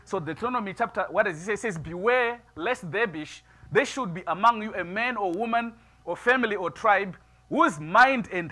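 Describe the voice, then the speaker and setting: A middle-aged man preaching a sermon in a small church, moving from quiet musing to loud, emphatic preaching. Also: high-pitched. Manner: builds from soft musing to loud preaching, gestures widely. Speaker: pastor. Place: small church sanctuary, seated before altar flowers.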